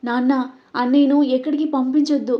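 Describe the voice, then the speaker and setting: A woman's voice: high-pitched, fairly even intonation, fast talker, dull audio, lightly acted. Woman voicing tearful young sister. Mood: distraught. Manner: tearful, pleading.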